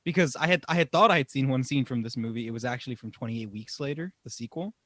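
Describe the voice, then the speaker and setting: A man's voice: mid-range voice, fast talker, a bit bright. A young man co-hosting a casual podcast chat, laughing often and swearing freely. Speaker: podcast co-host.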